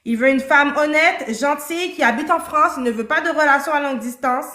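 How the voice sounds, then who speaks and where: High bright woman questioning persistently. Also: fairly quick, reverberant. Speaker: live-stream dating show host. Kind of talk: live-stream interview.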